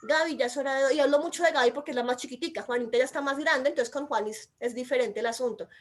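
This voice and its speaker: Woman, Colombian accent, high-pitched, emphatic, loud by nature, explanatory commentary. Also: quick pace. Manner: emphatic, calls herself loud and shrill by nature. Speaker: mother and commentator.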